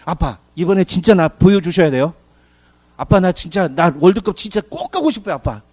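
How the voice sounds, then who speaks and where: A man's voice: fairly high pitch, lively intonation, a little slow, a little mellow. A man acting out a young son who pleads with his father for World Cup tickets, saying "dad" again and again. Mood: pleading. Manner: pleading, repeating "dad" over and over.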